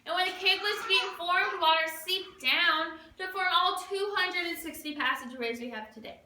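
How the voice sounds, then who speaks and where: A woman's voice: extremely high pitch, moderate pace, bright, forceful tone, far from the mic. A woman working as a cave tour guide, giving semi-rehearsed tour narration with her voice echoing in the cave. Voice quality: cave echo on the voice. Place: inside a show cave. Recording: echoey cave, off-mic, faint noise.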